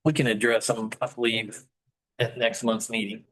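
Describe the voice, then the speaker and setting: A man presiding over a town council meeting, calling agenda items and votes in a relaxed, polite way. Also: on the low side, low-quality recording. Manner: relaxed and polite, moves items along briskly. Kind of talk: procedural meeting chairing.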